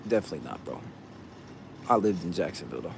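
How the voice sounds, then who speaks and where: A man's voice: sits low, animated, quick pace, gravelly, background noise. A man answering viewers' questions in casual chat, blunt and profane, tossing "bro" into nearly every thought.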